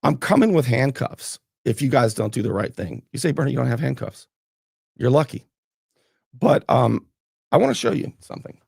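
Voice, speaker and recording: A man's voice: mid-range voice, very animated, normal speed, creaky, darkish tone, slightly rough, no room sound, studio quality. A man hosting a talk show, getting fired up and blunt as he questions his guest. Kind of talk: heated political interview.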